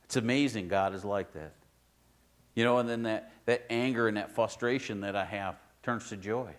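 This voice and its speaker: A pastor with a fairly low voice preaches a sermon in his church at a normal speed. His style is conversational, swinging between loud emphasis and quiet asides.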